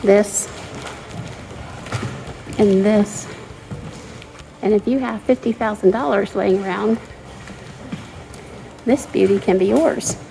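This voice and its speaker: A woman's voice: medium pitch, unhurried, creaky, pauses often, mellow, a little hiss or hum, poor audio. A woman hosting a travel vlog, explaining things conversationally and speaking straight to the viewers. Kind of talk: chatty travel vlog narration.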